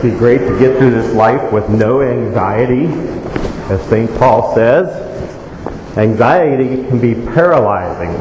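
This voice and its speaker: Speaking as a priest, a man delivers a conversational homily that is plain-spoken and full of anecdotes. His voice is medium in pitch with a darkish tone, and it echoes through a reverberant church, with faint noise beneath the reverb.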